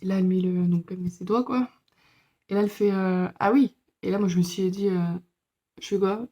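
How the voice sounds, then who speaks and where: A young woman tells her story in a loose, chatty way, filling her sentences with little pauses and asides. Her voice is warm and mellow, sitting at an ordinary middle pitch. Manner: chatty, many fillers, lively retelling with laughs. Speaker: vlogger. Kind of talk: casual storytelling.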